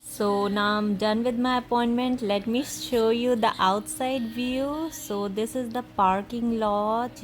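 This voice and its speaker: An Indian woman in her thirties chats into a handheld phone camera for her vlog, mixing Hindi and English. Her voice sits high, and she speaks slowly and unhurried. The tone is friendly and conversational. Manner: mixes Hindi and English, chatty, playful with her toddler. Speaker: vlogger mom. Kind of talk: casual vlog. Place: outdoors by a parking lot, then at home.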